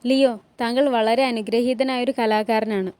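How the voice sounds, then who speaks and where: A woman voicing a commanding male sultan in a recap of a historical TV drama, giving his lines in a measured, gently authoritative way. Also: fairly high pitch, fairly even intonation, natural voice. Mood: calm.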